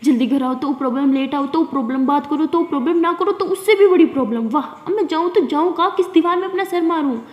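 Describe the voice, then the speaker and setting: A woman's voice: high voice, a little fast, a little mellow, natural voice. A woman voicing an irritable young woman in pain, who snaps back in exasperation. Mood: irritated. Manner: snappy, exasperated. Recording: echoey room with long reverb.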